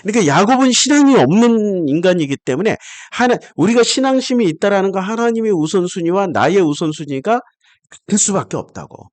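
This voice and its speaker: High, lively-voiced pastor preaching bluntly. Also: male voice, brisk. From South Korea. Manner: emotional, blunt preaching with rhetorical questions and curses. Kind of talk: sermon.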